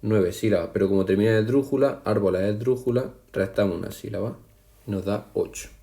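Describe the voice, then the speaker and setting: A man teaching a language lesson in a patient, explanatory way, counting syllables aloud slowly and speaking to his students directly. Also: fairly low pitch, gravelly, dark tone. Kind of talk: classroom explanation over slides.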